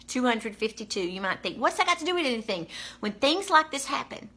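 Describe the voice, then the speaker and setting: A woman's voice: fairly high pitch, big pitch swings, a little fast, fairly bright tone. A woman telling a personal faith testimony in a casual, emphatic way, repeating key numbers for effect. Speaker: vlogger sharing a faith testimony.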